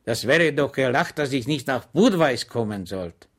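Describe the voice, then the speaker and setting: A man voicing a good-natured, stubborn simple soldier who speaks in a calm, earnest, dignified way. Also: mid-range voice, moderate pace, close to an everyday voice. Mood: determined.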